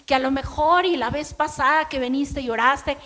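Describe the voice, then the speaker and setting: Middle-aged Mexican woman pastor, high-pitched, conversational preaching with a personal testimony. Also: moderate pace, a bit bright. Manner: conversational storytelling, acts out her own past voice.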